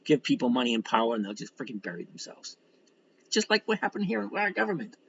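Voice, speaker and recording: A sixty-year-old stock trader hosts a livestream, reading out viewer comments and answering them in a blunt, folksy, rambling style with some mild swearing. His mid-range voice is fast and sing-song with vocal fry, and the audio has its highs cut off plus a little hiss or hum.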